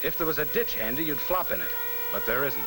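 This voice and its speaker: A man's voice: mid-range voice, sing-song, fast, natural voice, low-quality recording. A man acting as a hard-boiled American military instructor lectures in plain, slangy terms. The delivery is scripted and blunt, with a mid-range voice. It sounds like a 1950 film soundtrack, with prominent music behind it. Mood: brisk instruction. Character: blunt, wisecracking military instructor drilling servicemen. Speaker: military civil defense instructor.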